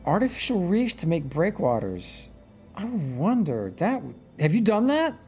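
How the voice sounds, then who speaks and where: Excited guy streaming a game, talks loose w lots of uh's, faint music underneath. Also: sits high, measured pace. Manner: enthusiastic, chatty, trails off with fillers. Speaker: streamer host. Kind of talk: casual livestream chat.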